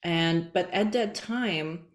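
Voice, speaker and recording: A Czech woman who works as an energy healer guests on a podcast, chatting casually in an interview and rambling loosely with lots of "like" fillers. Her voice is fairly low and slow, and the room is echoey.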